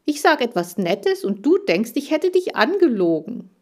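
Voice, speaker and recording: A woman voicing a cheerful young male hamster in an audiobook, excitable and warm toward his friends. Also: mid-range voice, a little slow, pitched above the performer's own voice. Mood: eager. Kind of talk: audiobook character voice.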